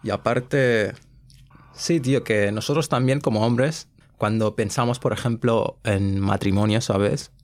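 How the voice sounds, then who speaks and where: Young male podcast host, low voice, earnest and relaxed, slangy casual chat. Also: unhurried. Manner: earnest, laid-back slang, frequent "¿sabes?" and English fillers.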